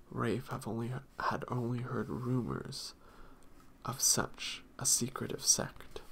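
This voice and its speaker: A man reading a fantasy novel aloud in a soft-spoken voice that often drops into whispers. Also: mid-range voice, creaky, slight background noise. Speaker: audiobook reader.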